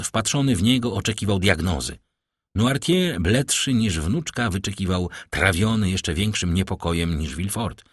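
A man reading an audiobook aloud in a measured, dramatic way. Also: low-pitched, breathy edge, no room sound, clean studio sound. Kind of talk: audiobook narration.

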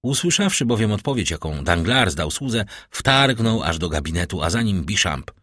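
A man's voice: low voice, very animated, moderate pace, a bit bright, breathy edge, no room sound, clean studio sound. A man narrating a classic novel, reading expressively and with life. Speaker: audiobook narrator. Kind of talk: scripted narration.

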